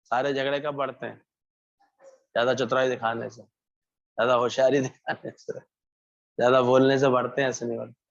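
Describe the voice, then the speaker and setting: A man's voice: medium pitch, flat delivery, moderate pace, creaky, long pauses. Man giving a satsang talk, storytelling style, kinda dull lo-fi sound. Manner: storytelling, acts out characters' lines, repeats phrases. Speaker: satsang preacher. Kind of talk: devotional sermon with parable. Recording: muffled lo-fi recording.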